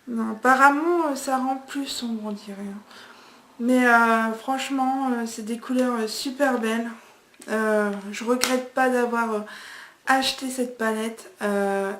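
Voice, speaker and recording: A woman's voice: on the high side, echoey room. A young woman reviewing makeup palettes in a casual vlog, talking hesitantly with many fillers, recorded on a camera mic in a room at home. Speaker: beauty vlogger.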